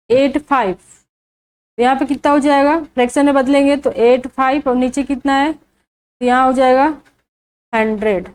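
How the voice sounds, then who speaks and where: A woman teaching a maths lesson, walking through each step slowly and answering her own questions. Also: sits high, darkish tone, rough recording. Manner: asks the viewer questions and answers them herself, slow and deliberate.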